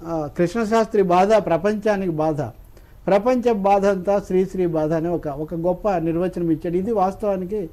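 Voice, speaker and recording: A man with a high but dark, mellow voice, speaking as a guest scholar in a studio discussion. He builds his points as lists, pauses to recite lines of verse, and keeps an explanatory, lecturing tone throughout.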